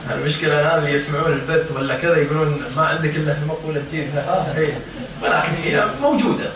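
A man's voice: fairly high pitch, steady tone, very fast, a crowd in the background. A man teaching a religious lesson, quizzing his listeners and explaining the meanings of words. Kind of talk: informal lesson to a seated circle. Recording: echoey room, distant mic, faint noise.

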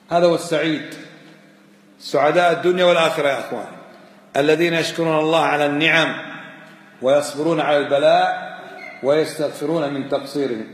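A man gives a religious lesson at a quick clip, lively and emphatic, and chants the verses he quotes. His voice sits a little high for a man. It rings through a roomy hall with a long echo trailing behind. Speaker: religious teacher. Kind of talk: religious lesson explaining a text. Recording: echoey hall with long reverb.

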